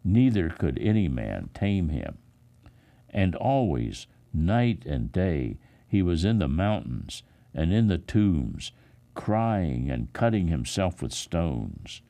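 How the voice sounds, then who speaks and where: With a deep voice and some vocal fry, a pastor reads Bible passages aloud. He delivers them solemnly and dramatically, placing expressive emphasis in a measured way.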